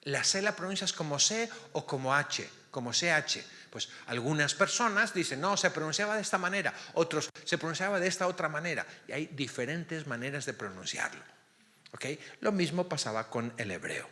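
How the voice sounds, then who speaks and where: A priest leads a Bible study in a parish hall, checking again and again that his class is following. His voice is bright and sharp-edged, and it swings widely in pitch as he explains. The long reverb of the hall trails after each phrase. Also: lively intonation, normal speed. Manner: keeps checking in with the class, asking "ok?".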